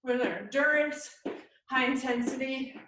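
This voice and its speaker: A woman's voice: sits high, normal speed, noisy background. A woman fitness instructor coaching a live workout in short, encouraging cues and countdowns. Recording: very echoey room, distant mic.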